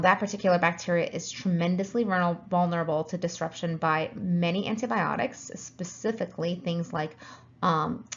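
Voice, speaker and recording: A woman's voice: lowish voice, creaky, highs cut off. A woman practitioner giving an educational talk on health, explaining step by step with frequent ums and self-corrections. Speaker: functional medicine practitioner.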